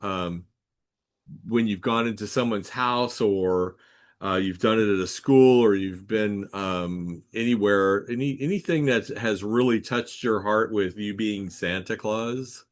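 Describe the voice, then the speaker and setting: A man hosts a relaxed interview and tells his own stories. His voice sits fairly low, and he pauses with "um" and "uh" as he goes. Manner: measured storytelling with "um" and "uh" pauses. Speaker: podcast host, also plays Santa. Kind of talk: casual interview conversation.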